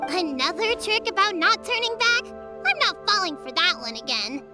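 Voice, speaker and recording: A woman's voice: very high-pitched, sing-song, normal speed. A woman voicing a blunt, skeptical small child in a video game. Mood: skeptical, dismissive. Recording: music behind the voice.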